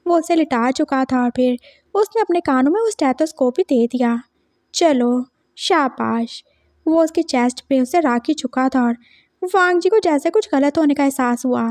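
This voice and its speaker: Woman storyteller, casual chatty fan fiction narration, high voice, dry close recording. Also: expressive, normal speed, a little mellow, no echo. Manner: casual, chatty retelling with asides.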